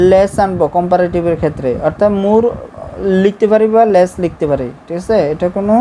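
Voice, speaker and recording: A woman's voice: medium pitch, mellow, low-quality recording. A woman with a Bangladeshi accent, teaching a grammar lesson and writing as she explains, who repeats her points patiently and keeps checking that students follow. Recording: faint background noise.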